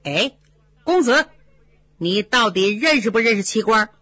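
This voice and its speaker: A woman's voice: on the high side, expressive, measured pace, fairly bright tone, dry recording, dull audio. A woman voicing a pushy, middle-aged male palace steward who talks with a cold, mocking sneer.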